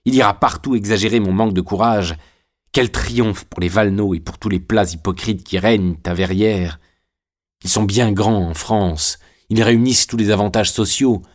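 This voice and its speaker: A proud, anguished young man in a prison cell, read by a male narrator. His voice is low and near the narration, bitter and intense. The voice belongs to a storybook character. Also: moderate pace, close to an everyday voice.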